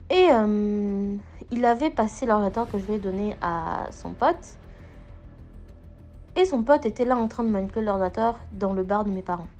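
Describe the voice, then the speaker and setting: A woman's voice: medium pitch, lively intonation, normal speed, a little mellow, faint music behind. Young woman, mid-range voice, rambling casual storyteller with many fillers and restarts. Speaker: storyteller sharing a personal experience.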